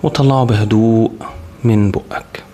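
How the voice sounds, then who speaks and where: An Egyptian-accented man leads a guided body scan over clearly audible music. His voice sits on the low side. He gives short, calm instructions in a soothing, unhurried way, with long pauses between them. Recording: music behind the voice. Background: clear background music.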